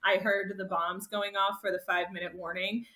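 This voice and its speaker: A woman guest on a podcast, telling her race story in a casual, animated way and laughing often. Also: medium pitch, normal speed, echoey room, noisy background. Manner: animated, laughs often, voice rises sharply when reliving moments.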